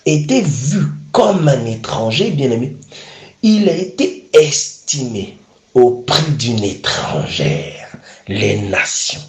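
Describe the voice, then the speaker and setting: A man's voice: mid-range voice, big pitch swings, takes it slowly. A man preaching a sermon, emphatic and repeatedly calling his listeners beloved. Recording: echoey room.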